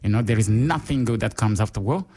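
A man from Rwanda co-hosting a casual radio chat show, talking in an animated way with many fillers. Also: on the low side, fast talker. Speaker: radio co-host.

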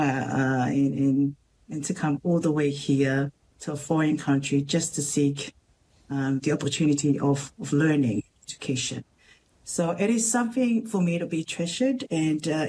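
A woman's voice: sits low, a little mellow, a little hiss or hum, poor audio. Earnest Tongan woman telling her story. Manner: earnest, halting, many pauses and restarts. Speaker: teacher, interview guest. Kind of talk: radio interview, personal story.

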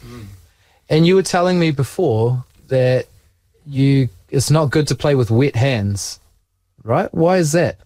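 A man's voice: medium pitch, lively intonation, measured pace, a little mellow, dry recording. A man, a school teacher patiently asking his students encouraging questions. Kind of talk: interviewing students.

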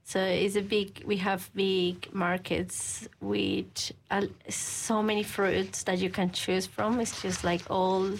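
Woman, earnest, halting guest. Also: mid-range voice, flat delivery, vocal fry, rough recording. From Colombia. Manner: earnest, halting speech with frequent restarts. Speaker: guest, women's ministry leader. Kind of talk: conversational interview.

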